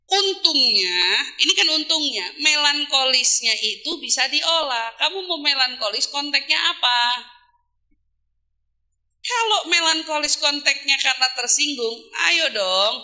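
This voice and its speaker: A woman's voice: high-pitched, expressive, unhurried, bright, forceful tone. A woman preacher giving a casual religious talk to women. She asks rhetorical questions, answers them herself, and stretches single words out for emphasis. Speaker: Islamic preacher.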